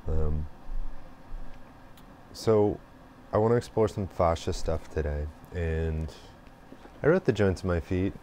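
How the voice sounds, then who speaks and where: A man with a very low voice reflects aloud in a slow, wandering way, pausing often and trailing off with fillers. A faint hiss sits under the recording. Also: animated, warm tone. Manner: slow and meandering, with many pauses and fillers. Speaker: host. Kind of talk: reflective spoken monologue.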